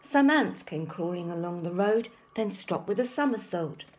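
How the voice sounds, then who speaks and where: A woman reading a rhyming children's storybook aloud in an expressive narrating style. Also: medium pitch, normal speed.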